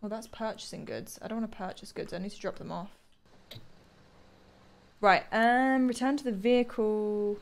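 A woman's voice: medium pitch, moderate pace, gravelly, pauses often. A young woman with an English accent, chatting and thinking aloud as she streams a video game from a close desk mic. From England. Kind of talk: casual live gameplay commentary. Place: small room at home. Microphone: close desk microphone.

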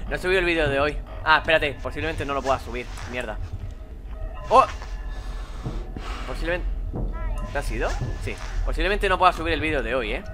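A young man from Spain streaming a horror game, who swings from low muttering to panicked shouting. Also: lively intonation, fairly quick, pauses often, music in the background. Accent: Spain Spanish. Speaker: gaming streamer. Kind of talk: live gameplay commentary.

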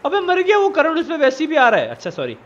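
A man's voice: extremely high pitch, wildly swooping pitch, quick pace, a bit bright, muffled recording, slight background noise. A man giving casual let's-play commentary, teasing and scolding the character he controls. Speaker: gamer.

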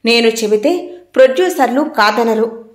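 A woman's voice: fairly high pitch, lively intonation, moderate pace, natural voice. A woman voicing a pushy, flirtatious male film contractor who talks in a familiar, coaxing, insistent way. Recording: echoey room.

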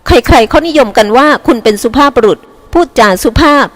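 Woman putting on a shrill jealous young wife. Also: fairly quick, natural voice. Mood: accusing. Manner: shrill, whining, accusing. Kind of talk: audiobook character reading. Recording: long hall reverb.

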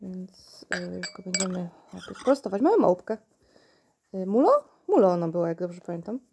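A woman's voice: fairly low pitch, sing-song, normal speed, vocal fry, mellow, breathy edge. A woman unboxing toys at home in casual chat, recorded on a tablet, often laughing and talking to her puppy. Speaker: unboxing vlogger.

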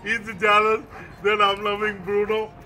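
A man with a very high, bright voice speaks slowly at home. He calls his dogs over with warm, repeated coaxing words, then thanks his viewers in plain, simple phrases. It is a casual vlog voice. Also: monotone, slight background noise, rough recording. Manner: grateful, plain thank-you talk to viewers. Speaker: channel host and dog owner. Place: at home, indoors.

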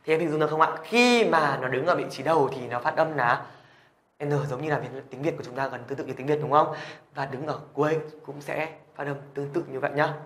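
A man's voice: a little high, brisk, a bit bright, echoey room. A man teaching a language lesson, patiently repeating questions to check that students follow. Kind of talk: classroom lesson explanation.

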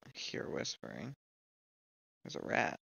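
A man's voice: a little slow, bright, forceful tone, no room sound. A man playing a horror game, talking to himself and reading notes aloud with jumpy reactions, on a close mic. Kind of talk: let's play commentary. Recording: dry, slightly muffled lo-fi mic.

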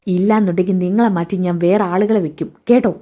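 A woman's voice: fairly low pitch, fairly even intonation, fast, mellow, close to an everyday voice. A woman voicing a scheming male villain who gives cold, commanding orders. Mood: menacing.

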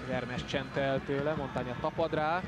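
A man's voice: medium pitch, fairly even intonation. A man giving Hungarian sports commentary on a football match.

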